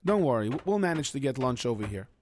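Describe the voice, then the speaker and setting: A man's voice: medium pitch, big pitch swings, quick pace, noisy background, natural voice. A man playing a teacher who speaks patiently to a class of children. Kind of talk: children's comedy sketch.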